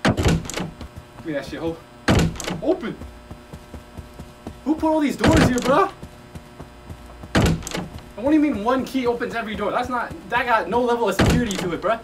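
A man's voice: extremely high pitch, moderate pace, long pauses. A young man commentating a VR horror game, swearing, trash-talking and yelping whenever he gets scared. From Mexico. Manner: excitable, swearing, yelps when scared, slangy trash talk. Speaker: gaming streamer. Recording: distant-sounding mic with noticeable background noise and hum.

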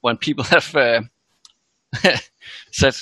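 A man's voice: medium pitch, slow pace, husky, no echo, rough recording. Hesitant Danish-born man on a call. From Denmark. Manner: hesitant, self-deprecating, soft. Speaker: activist guest. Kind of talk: casual video-call chat.

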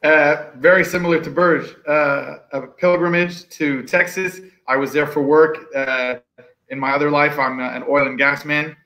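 Relaxed man telling stories on a video call. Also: fairly high pitch, moderate pace, poor audio. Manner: relaxed storyteller, acts out quoted customers. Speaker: pitmaster guest. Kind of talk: casual video-call chat. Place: room with bookshelves. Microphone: video call from home.

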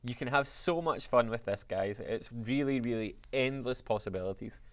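A man teaching a music technology lesson, explaining software steps in an upbeat, chatty way. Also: mid-range voice, normal speed, very noisy.

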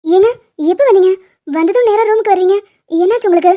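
A woman voicing a gentle, self-blaming young wife in an animated drama, speaking softly and pleadingly. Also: extremely high pitch, fast. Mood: worried. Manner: soft, pleading. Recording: dull lo-fi audio.

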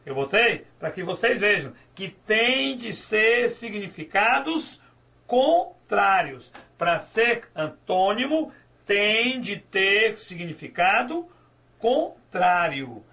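High gravelly male teacher. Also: expressive, takes it slowly, bright, forceful tone. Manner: didactic, asks and answers his own questions, stretches key words. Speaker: Portuguese teacher. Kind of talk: recorded grammar lecture.

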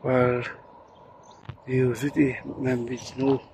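A man narrating a casual walking tour outdoors on a phone, talking in slow, halting bits with many pauses. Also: medium pitch, completely flat delivery, noisy background. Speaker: vlogger giving a walking tour. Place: outdoors on a seaside road. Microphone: handheld phone camera, speaker off screen.

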